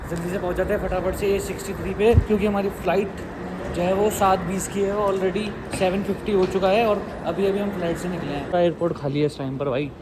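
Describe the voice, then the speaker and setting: A young man vlogging his trip, talking casually and excitedly to viewers as he moves through airports and onto planes. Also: high voice, quick pace. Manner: chatty, excited, addresses viewers as guys. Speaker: travel vlogger. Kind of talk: casual travel vlog. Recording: loud airport and engine noise.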